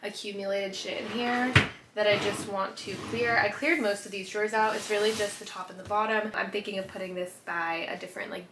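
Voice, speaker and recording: A woman's voice: medium pitch, reverberant, noisy background. A woman in her twenties, a lifestyle vlogger, chatting casually and upbeat while organizing her bedroom closet, filmed on a camera close by. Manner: chatty, upbeat, lots of "like" and "literally". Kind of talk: casual vlog narration. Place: small bedroom with closet, indoors.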